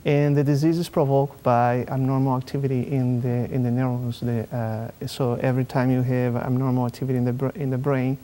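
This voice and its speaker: With a dark tone and little pitch movement at a medium pitch, a neurosurgeon from Spain explains things as a TV talk show guest. He is measured and careful, halting often with fillers.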